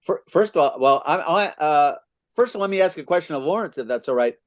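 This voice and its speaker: Fast-talking and expressive, with a fairly high voice, this U.S. man in his fifties leads a book club discussion about literature. He reads passages aloud and answers questions with care, frequently starting his sentences over.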